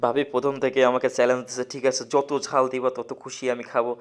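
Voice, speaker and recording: A man with a rural Bangladeshi Bengali accent talks to viewers in a casual vlog. He speaks rapidly in a flat, level tone with little rise and fall. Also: mid-range voice, a little hiss or hum.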